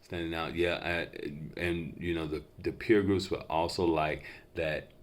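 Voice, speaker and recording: A man's voice: sits low, fairly even intonation, a little slow. A man giving an unscripted intuitive reading as a psychic, feeling out impressions tentatively, piece by piece, like a mentalist. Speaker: psychic reader giving channeled messages.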